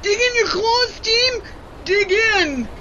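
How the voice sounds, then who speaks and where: Woman playing an earnest sled dog, high and bright. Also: lively intonation, takes it slowly, full character voice. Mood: alarmed, urgent. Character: earnest, urgent sled dog leading the team. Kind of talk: children's audio drama acting. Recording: dull recording with faint background noise.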